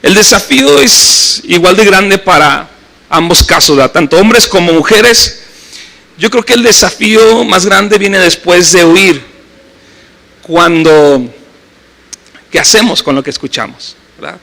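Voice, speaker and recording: A man's voice sitting high for a man, with a bright, forward ring to it. He is a middle-aged pastor with a Mexican accent, preaching at a church service in an easy, talk-like way, often tossing in little questions to the congregation. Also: a little slow, gravelly, low-quality recording. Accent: Mexican Spanish. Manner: conversational preaching with frequent tag questions. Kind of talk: sermon.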